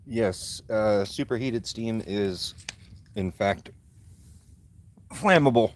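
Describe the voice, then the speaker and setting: A man with a monotone voice, hosting a casual live stream from his phone by a backyard fire and answering chat with easygoing fillers. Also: fairly low pitch, normal speed, a little hiss or hum. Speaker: livestream host. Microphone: phone, streaming from mobile.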